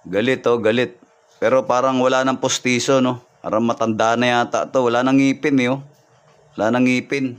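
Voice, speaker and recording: A man's voice: medium pitch, little pitch movement, a little fast, clean tone. Man reading signs on a livestream. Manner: repetitive, thanks viewers by name, points things out. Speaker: folk healer livestreaming readings. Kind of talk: live-stream reading and viewer shout-outs.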